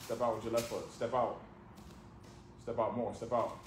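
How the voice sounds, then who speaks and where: A man's voice: little pitch movement, normal speed. Guy coaching judo drills on the mat, short barked cues, echoey big gym. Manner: short commands, repeats cues like "boom". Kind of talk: hands-on coaching. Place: large gym with mats. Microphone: camera on the floor. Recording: echoey gym with background noise.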